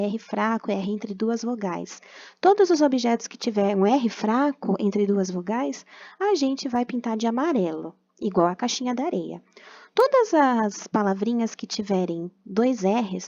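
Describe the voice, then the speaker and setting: A young Brazilian woman teaching a primary class remotely, patiently explaining and slowly sounding out words. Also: fairly high pitch, darkish tone, no echo. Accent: Brazilian Portuguese. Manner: patient and explanatory, tags phrases with "tá?". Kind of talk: recorded remote class lesson. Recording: dull, dry computer recording.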